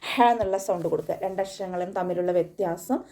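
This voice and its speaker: A woman's voice: fairly low pitch, steady tone, warm tone. A woman giving an online tajweed lesson, patiently explaining each rule step by step. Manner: patient step-by-step instruction, slow melodic Arabic recitation between explanations. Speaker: Quran recitation teacher.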